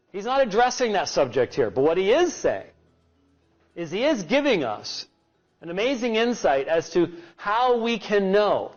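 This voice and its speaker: A man preaching an expository sermon in an emphatic, deliberate way, stressing key phrases. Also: a little high. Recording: dull lo-fi audio with music underneath. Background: background music.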